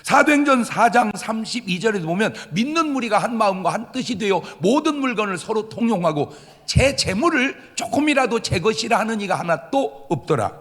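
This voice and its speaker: Male pastor, sermon, high lively voice, echoing church hall. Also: brisk. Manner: animated preaching, acts out crying children. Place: church sanctuary.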